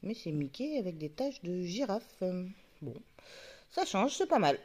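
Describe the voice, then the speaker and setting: A woman's voice: lowish voice, very animated, unhurried, darkish tone. A woman chatting casually to her viewers as she opens advent calendar doors, muttering asides and talking to the camera's focus. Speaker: YouTuber unboxing advent calendars. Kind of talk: casual chat.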